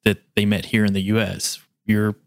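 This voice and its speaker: A man from rural Kentucky in the US hosts an interview podcast that opens with a scripted introduction. His voice is on the low side, monotone and creaky, at a moderate pace with no echo.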